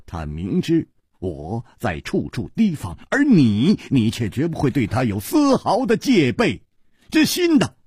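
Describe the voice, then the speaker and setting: A man's voice: mid-range voice, huge pitch swings, measured pace, darkish tone, slightly rough, dry recording, studio quality, full character voice. A man voicing a bold young male hero who exclaims and presses questions urgently.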